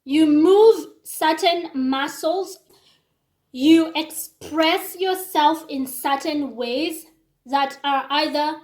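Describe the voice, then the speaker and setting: In an echoey room, a high-voiced Kenyan woman vlogs in a loose, chatty monologue, her English accented and not her first language. She drifts from topic to topic and plays out quoted reactions for her audience.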